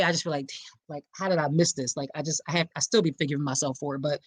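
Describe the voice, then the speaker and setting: A middle-aged woman from Philadelphia with a Philly accent hosts a book discussion podcast, speaking animatedly and emphatically directly to her listeners. Her voice is fairly low, and the recording is dry.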